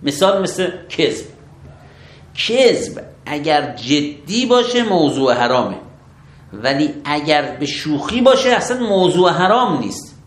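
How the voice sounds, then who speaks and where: A man, a religious law scholar, explaining rulings step by step in an interview, measured and methodical. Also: on the high side, sing-song, roomy sound. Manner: measured, methodical, affirms with short approvals.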